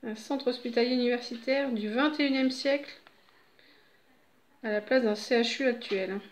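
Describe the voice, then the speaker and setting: Woman, middle-aged, casual vlog chat, rambling, laughs a lot, higher voice. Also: normal speed. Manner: chatty and rambling, with frequent laughs and fillers. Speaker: vlogger.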